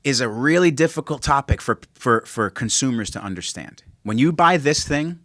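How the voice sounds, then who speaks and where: A man's voice: medium pitch, expressive, normal speed, fairly bright tone, dry recording, studio quality. A man co-hosting a podcast in casual chat, making his points with emphatic repetition. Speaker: podcast co-host.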